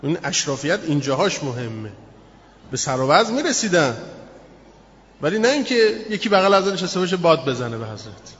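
A male preacher giving an expressive sermon that tells a story, acting out the lines of the people in it. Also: a little high. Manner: expressive, acts out quotes in the story. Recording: echoey hall, muffled sound.

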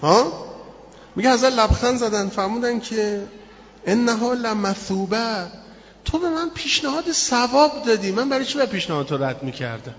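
A man preaches a sermon and tells a story with lively expression, acting out the voices of its people. His voice sits high. It echoes through a reverberant hall, and the recording sounds dull and muffled. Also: slight background noise. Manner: expressive, acts out quotes in the story.

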